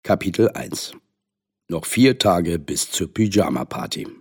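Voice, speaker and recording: A man's voice: deep voice, animated, a little slow, creaky, a little mellow, husky. Man reading a children's story. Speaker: audiobook narrator. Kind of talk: scripted storybook narration.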